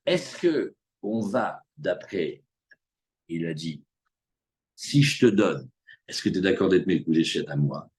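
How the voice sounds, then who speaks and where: A man leads a Talmud class with a slightly husky, breathy voice. His pitch rises and falls in wide, animated swings, and he slips into the characters' lines to make his point. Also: slow pace, long pauses. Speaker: rabbi teaching Talmud. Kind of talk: lively Talmud class to students. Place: live class with students in the room.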